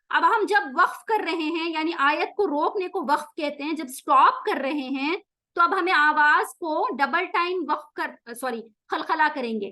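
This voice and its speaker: Female recitation teacher, unhurried, demonstrates each word in a slow chant. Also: high-pitched, pushed and bright. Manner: explains rules, then slowly chants words to demonstrate. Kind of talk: tajweed lesson with slow recitation.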